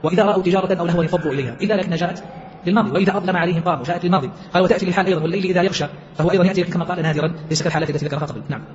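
Male teacher, rapid explanatory delivery, slightly dull recording. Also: sits high, a little hiss or hum. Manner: rapid, explanatory, quotes verses in between. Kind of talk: classroom text commentary.

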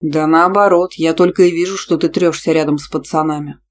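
Gruff, pushy young dragon man voiced by the audiobook reader, growls his lines, stubborn and demanding. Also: a little high, fairly even intonation, brisk, a little hiss or hum, lightly acted. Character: brash young male dragon shifter, pushy teacher. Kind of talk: audiobook character voice.

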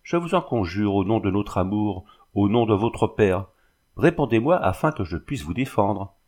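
A man's voice: lowish voice, very animated, normal speed, darkish tone. A man reading the lines of a suspicious young man who pleads and insists with his cousin. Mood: pleading.

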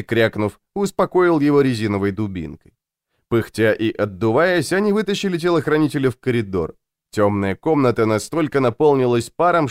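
A man reading an audiobook with expressive storytelling narration. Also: mid-range voice, no room sound, clean studio sound. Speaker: audiobook reader. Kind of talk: scripted narration.

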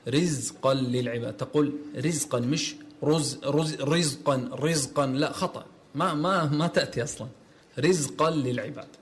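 Male recitation teacher, patient and corrective, slightly high-pitched voice. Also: fairly bright tone, a little hiss or hum. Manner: patient, repeats words to correct pronunciation. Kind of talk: recitation rules lesson.

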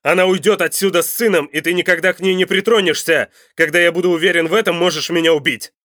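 A man's voice: lowish voice, normal speed, darkish tone, dry recording, clean studio sound, close to an everyday voice. A man voicing a tough young enforcer who talks in a firm, resolute way. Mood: angry. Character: tough, steady young male enforcer and father.

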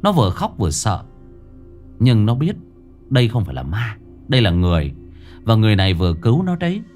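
A man's voice: fairly low pitch, huge pitch swings, fairly quick, a little mellow, soft background music. A man narrating a ghost story expressively.

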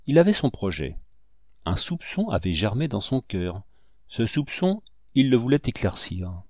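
A man reads a novel aloud in a steady, measured way. His voice sits low and is recorded close, with a dry sound and no room around it. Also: dry recording. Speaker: narrator. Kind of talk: audiobook reading of a novel.

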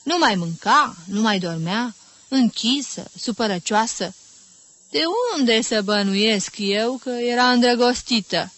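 A woman's voice: a little high, a bit bright, no echo, pitched above the performer's own voice, close to an everyday voice. Woman voicing an effusive old society lady. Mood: gushing. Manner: gushing, theatrical, exclamatory.

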